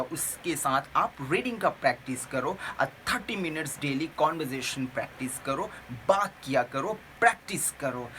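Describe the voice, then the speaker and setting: A woman's voice: sits low, a bit bright, slight background noise, rough recording. A woman giving an earnest lesson as a teacher, repeating her points and correcting herself as she goes. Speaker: English teacher, runs a tutoring organization. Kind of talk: video lesson with tips.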